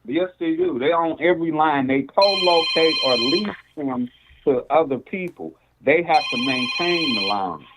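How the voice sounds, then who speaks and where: A man's voice: on the high side, expressive, a little slow, heavy background noise. A man who is a bishop, calling in over a cell phone speakerphone, talking in a rambling, preacherly way and quoting scripture. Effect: speakerphone on a cell phone call. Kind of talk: casual talk over the phone.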